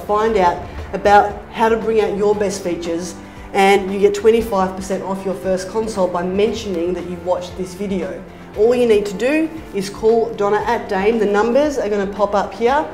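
A woman's voice: medium pitch, darkish tone. A woman in her thirties hosting a promotional interview, effusive and full of praise, seated in a bare room. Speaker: interviewer and host. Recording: echoey room with music under it.

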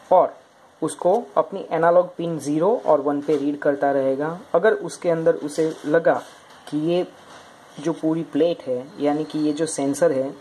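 A woman's voice: sits low, dark tone, a little hiss or hum, rough recording. A woman explaining an electronics project step by step, pointing out each part as she goes. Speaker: project demonstrator.

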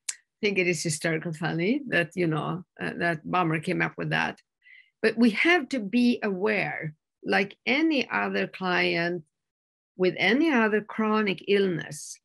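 A woman addiction specialist giving a calm, conversational lecture, often slipping into quoted voices and using many "you know" fillers. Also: lowish voice, gravelly. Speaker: addiction specialist presenting to a group.

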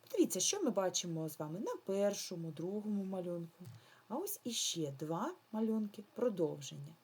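A woman primary school teacher giving a slow, patient remote lesson to young children, drawing out her words. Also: medium pitch, very animated, a little mellow, breathy edge.

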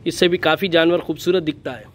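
A man, walking viewers through a goat for sale in a casual, steady way, often calling them brother. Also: a little high, fast talker. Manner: flat, steady, repeatedly says "bhai". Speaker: goat farm seller. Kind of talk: casual sales walkthrough. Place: outdoor goat pen.

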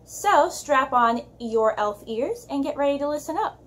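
A woman with a high voice reads a fantasy book aloud and chats with her readers. Her pitch rises and falls a lot. She sounds friendly and expressive and makes casual asides. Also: a little slow. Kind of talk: book reading with chatty intro.

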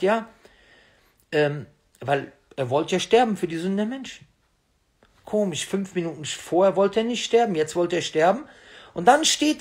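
A man's voice: high-pitched, slightly rough. A man giving an argumentative religious lecture as a preacher, insistent and full of rhetorical questions. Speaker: Islamic preacher.

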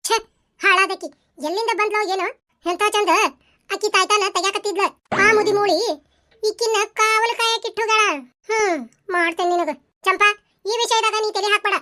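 A woman voicing a headstrong, scheming young village lady in a cartoon, petulant and sharp-tongued, with a North Karnataka Kannada accent. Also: very high voice, steady tone, normal speed. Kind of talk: cartoon voice acting.

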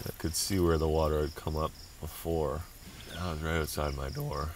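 Guy with a super low voice chatting to the camera in his tent on the beach, kinda laid back, bit of bug and outdoor noise. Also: normal speed. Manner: relaxed, chatty, with some hesitations. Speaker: travel vlogger. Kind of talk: casual vlog to camera.

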